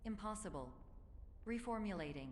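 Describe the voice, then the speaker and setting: A woman's voice: medium pitch, lively intonation, normal speed, big-room sound. A woman voicing a malfunctioning computer therapy system, reading clipped, formal announcements that go haywire, with a glitching computer quality. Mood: clinical.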